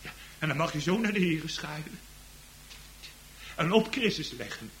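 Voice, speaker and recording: Impassioned preacher with lively pitch. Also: male voice, moderate pace, slight background noise, low-quality recording. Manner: swings from hushed to loud impassioned preaching. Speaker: pastor. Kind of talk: sermon.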